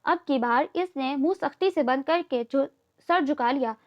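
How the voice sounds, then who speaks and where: High-voiced woman narrating an audio novel. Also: normal speed. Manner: steady storytelling. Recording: dull lo-fi recording.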